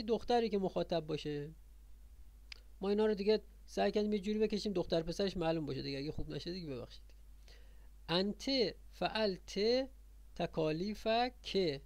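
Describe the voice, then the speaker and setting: A man's voice: sits high, vocal fry, a little mellow, no echo. A man teaching a grammar lesson in a Persian accent, repeating points and quizzing his students as he explains. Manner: repetitive, quizzing the viewers.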